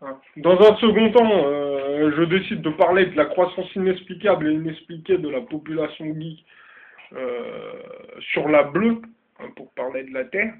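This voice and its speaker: A man giving a mock-solemn new year address, stopping to laugh, swear at himself and try out joke accents. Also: fairly high pitch. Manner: slow, self-interrupting, swears and laughs at himself. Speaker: amateur video maker. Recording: tinny phone-like lo-fi sound.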